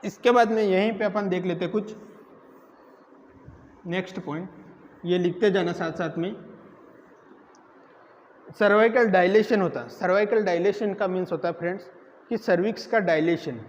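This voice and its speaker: A man teaching a nursing exam class, who keeps asking the students questions and answering them himself. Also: sits high. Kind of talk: classroom lecture. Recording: echoey room, dull lo-fi sound, faint noise.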